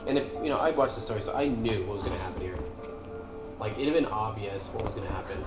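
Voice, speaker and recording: A gaming video creator gives casual, slangy, enthusiastic commentary in a fairly low voice at a fast clip. Loud game music plays underneath, and the recording has a roomy echo.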